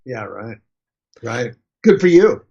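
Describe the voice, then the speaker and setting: A man in his sixties from Canada, a guest actor talking casually in a halting style. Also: medium pitch, very animated, creaky, mellow, breathy edge, highs cut off. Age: 60s. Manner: halting, with restarts and fillers while storytelling. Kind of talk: casual interview.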